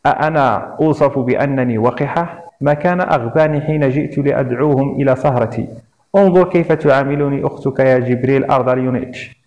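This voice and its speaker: Scornful teasing young woman, read by a man in his own low voice, even delivery, muffled audio. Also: moderate pace, natural voice. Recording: dull lo-fi recording.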